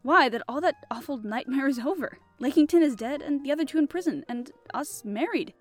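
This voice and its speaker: A woman's voice: high-pitched, lively intonation, fairly quick, soft background music. A woman reading an audiobook voices a sweet young newlywed wife, speaking earnestly and affectionately. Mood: relieved.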